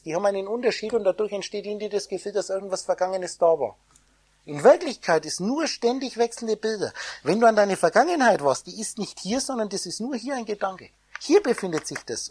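A woman giving an esoteric sermon, preaching in the first person as God, her loudness swinging between soft and loud. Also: medium pitch, husky. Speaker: spiritual teacher.

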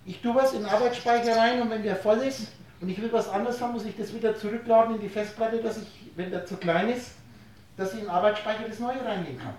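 Spiritual lecturer, mid-pitched, rhetorical and wordplay-driven, captured from afar in a heavily reverberant room. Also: fast talker, a little mellow, a little hiss or hum. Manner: rhetorical questions and wordplay, explains through everyday analogies. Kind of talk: spiritual lecture to a live audience. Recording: very echoey room, voice distant from mic.

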